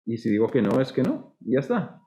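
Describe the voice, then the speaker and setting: A man's voice: medium pitch, big pitch swings, a little fast, dark tone, roomy sound, rough recording. A man preaching a sermon with a Costa Rican accent, conversational and acting out the voices he quotes. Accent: Costa Rican Spanish. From Costa Rica. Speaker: pastor.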